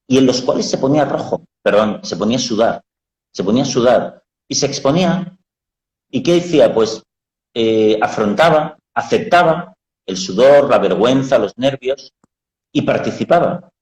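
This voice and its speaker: A man's voice: mid-range voice, darkish tone, echoey room, low-quality recording. A man hosting a casual live talk, explaining in a frank, down-to-earth way with blunt everyday words. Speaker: psychologist host.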